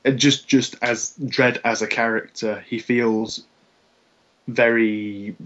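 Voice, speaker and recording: Man, casual podcast chat, hesitant, fillers, medium pitch, dull lo-fi sound. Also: steady tone, slow pace, a bit bright. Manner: hesitant, many fillers and restarts. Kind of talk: casual comics discussion.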